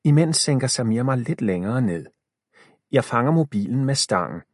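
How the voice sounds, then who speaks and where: A man narrating a children's story in the first person, expressive and shifting pace with the tension. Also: mid-range voice, dry recording, clean studio sound. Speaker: audiobook narrator.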